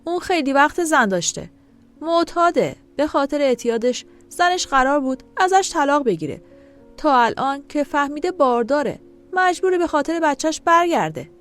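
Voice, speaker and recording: A woman's voice: high-pitched, very animated, soft background music, pitched above the performer's own voice. A woman voicing a blunt, insistent adult man on the phone in an audio story, in a firm, pressing way. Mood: heated.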